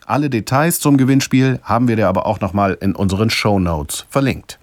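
A man's voice: on the low side, brisk, no echo. A man presenting a podcast from a prepared script as its host.

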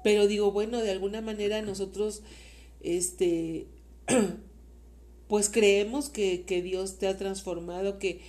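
Mexican mother, interview guest, warm mellow tone, earnest and rambling, full of faith. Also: medium pitch, steady tone, slow, long pauses. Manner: earnest, faith-filled, rambling with many fillers. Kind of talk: casual heartfelt conversation.

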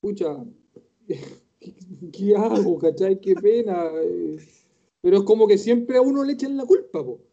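A Chilean man in his forties teaching Japanese in a casual online class, chatty and slowly drawing out Japanese phrases. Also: high-pitched, gravelly, mellow, lo-fi sound. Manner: chatty, drawn-out Japanese phrases, laughs often.

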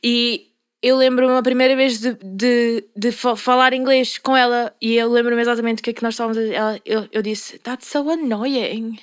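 A woman's voice: a little high, fairly even intonation, fairly quick, clean tone. A woman, chatting as a podcast co-host, laughing often and mixing English phrases into her talk. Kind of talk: casual chat among sisters.

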